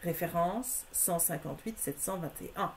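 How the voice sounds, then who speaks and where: A woman's voice: fairly low pitch, moderate pace, a little hiss or hum. A woman presenting craft products in a live stream, methodically listing discounts and prices and speaking familiarly to her viewers.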